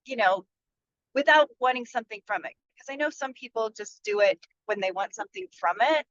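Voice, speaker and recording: A woman's voice: medium pitch, fairly bright tone. Woman talking over a car speakerphone. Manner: chatty and rambling, loses her thread. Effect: car speakerphone on a video call. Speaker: filmmaker and producer. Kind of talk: casual video-call chat. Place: in a car on a freeway. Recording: dull lo-fi speakerphone line from a moving car.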